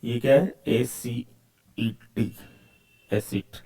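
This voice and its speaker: A male chemistry teacher, speaking in a somewhat high voice. He keeps asking questions and answering them himself, repeating key words as he goes. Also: normal speed, darkish tone. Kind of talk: video lecture.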